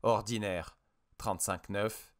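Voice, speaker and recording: A man reading an audiobook with expressive, dramatic narration. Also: lowish voice, slow. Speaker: audiobook reader.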